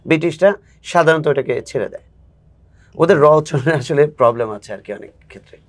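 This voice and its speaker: A man's voice: a little high, expressive, a little fast. A man who coaches spoken English, a guest in a casual interview, explaining patiently and acting out examples.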